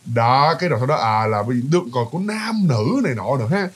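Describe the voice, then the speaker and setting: A man's voice: medium pitch, lively intonation, brisk, breathy edge. A man with a Southern Vietnamese accent, telling a ghost story casually, chatty and full of fillers and repeats, talking straight to his listeners.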